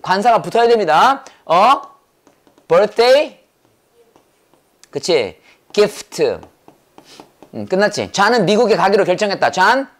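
A man teaching English grammar in a brisk lecture, drilling points over and over and firing rhetorical questions at his students. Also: high voice, sing-song. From South Korea. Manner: quizzing with rapid rhetorical questions. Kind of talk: classroom lecture.

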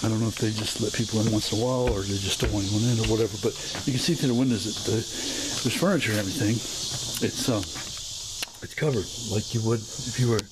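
A man narrating an unscripted walking tour of an old house outdoors, halting with fillers and self-corrections. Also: on the low side, very noisy. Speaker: video host touring a historic site. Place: outdoors at a historic house, open grounds.

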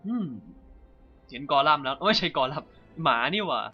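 A man giving casual, playful let's-play commentary, chatting and reacting excitably while he plays. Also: a little high, fairly quick, muffled recording, soft background music. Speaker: gaming channel host.

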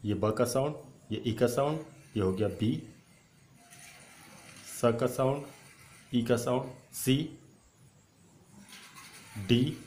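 A male spoken English teacher, drilling letter sounds aloud and urging viewers to repeat them loudly. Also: medium pitch, slow, pauses often. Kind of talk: online English pronunciation lesson. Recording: echoey room with faint ambient noise.

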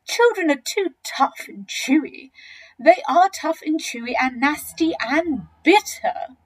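A woman's voice: sits high, lively intonation, slow, voice pushed up, poor audio. A woman voicing a smaller, scornful crocodile in a children's storybook, contradicting with scoffing emphasis. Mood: disgusted, firm. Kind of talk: children's storybook character reading.

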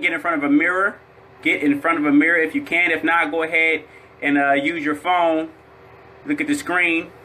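A man's voice: a little high, pushed and bright. A man hosting a live stream who greets viewers by name in an upbeat way and leads a chant of repeated affirmations.

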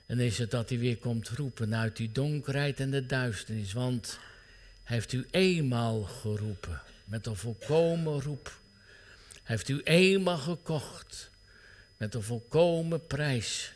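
A middle-aged male pastor preaching an earnest sermon, his voice dropping to a hushed near-whisper at tender moments. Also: medium pitch, measured pace.

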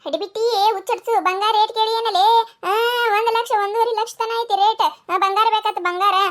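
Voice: very high voice, fairly even intonation, brisk, a bit bright. A performer doing a nagging cartoon mother-in-law. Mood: scolding. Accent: North Karnataka Kannada. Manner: nagging, scolding. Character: scolding village mother-in-law, older woman. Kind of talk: cartoon comedy voice acting.

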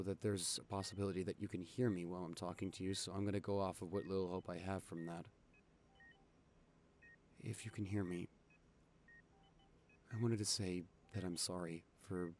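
A young man voicing a caring, anxious boyfriend in an audio role-play, talking softly and reassuringly to his sick partner. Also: low voice, a little hiss or hum, lightly acted. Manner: soft, soothing, reassuring. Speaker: voice actor reading a listener script.

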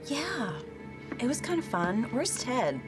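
Peppy young woman, high and lively. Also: takes it slowly, over music. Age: young adult. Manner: chatty, peppy, valley-girl phrasing. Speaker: tabletop game player. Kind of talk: casual in-character improvised chat. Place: indoor studio set dressed as a tavern.

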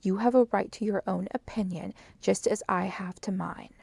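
A woman voicing an eager, self-assured gentleman companion in a storybook reading. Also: medium pitch, steady tone, normal speed, vocal fry, slightly rough, no room sound. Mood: earnest. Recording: dry close audiobook recording.

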